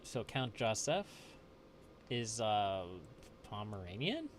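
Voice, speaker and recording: A man's voice: on the low side, big pitch swings, slow pace, a little hiss or hum. Chatty man narrating his gameplay. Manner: chatty, reads game text aloud, chuckles often. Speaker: let's play host. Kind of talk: casual gameplay commentary.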